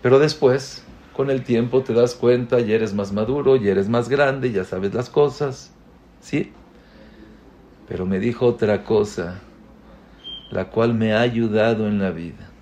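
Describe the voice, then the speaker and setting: A man delivers an inspirational religious talk at an unhurried, measured pace. His pitch sits in an ordinary middle range. He leans on repetition, stacking short phrases one after another to drive each point home. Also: mellow. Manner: slow, deliberate, repeating phrases for emphasis. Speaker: religious speaker.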